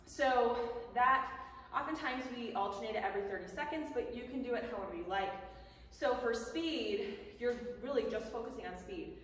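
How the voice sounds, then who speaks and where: A higher-pitched woman explains drills in a casual, conversational coaching style. Her voice comes from a distance in a very reverberant indoor space. She talks like an instructor walking a class through technique. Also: normal speed, few pauses, fairly bright tone. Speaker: boxing coach. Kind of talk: instructional talk on bag drills. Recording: echoey hall, distant mic, faint noise.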